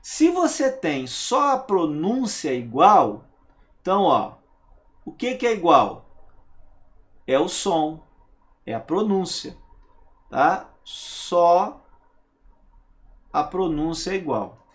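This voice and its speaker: A man teaches a recorded grammar lesson, his voice sitting a little high and rising and falling with animation. He speaks slowly and with emphasis, leaning on key words and pausing to check that his students follow. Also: very animated. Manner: asks rhetorical questions and checks understanding with "tá?"; emphatic, stresses single words.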